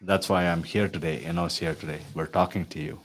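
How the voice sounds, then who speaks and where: Fairly quick and fairly even in intonation, this low male voice belongs to an IT consulting coach addressing viewers in a promotional talk. He argues earnestly and persuasively, repeatedly capping sentences with "right?".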